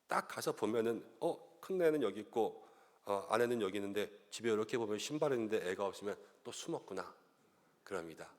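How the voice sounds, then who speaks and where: Animated middle-aged male pastor, reverberant hall. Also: fairly low pitch, brisk. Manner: animated, acts out little voices and quotes. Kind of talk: sermon. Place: church sanctuary. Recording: long church-hall reverb.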